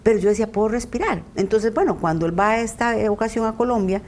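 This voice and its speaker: A woman's voice: mid-range voice, quick pace, a little mellow, slight background noise. A middle-aged woman giving an earnest personal testimony as a podcast interview guest. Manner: earnest, recounting, often acting out quoted voices.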